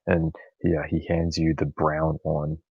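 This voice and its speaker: Deep gravelly laid-back man, dull mic. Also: monotone, slow, dry recording. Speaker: game master. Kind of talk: narrating a tabletop game over voice chat.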